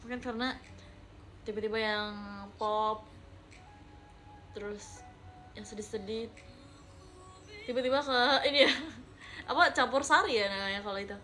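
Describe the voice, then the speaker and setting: A woman's voice: fairly high pitch, measured pace, pauses often, sharp tone, faint music behind. A young woman streaming live, chatting playfully with viewers and reading their messages, with English words mixed into her talk. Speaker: livestreamer reading viewer chat. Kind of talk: casual live-stream chat.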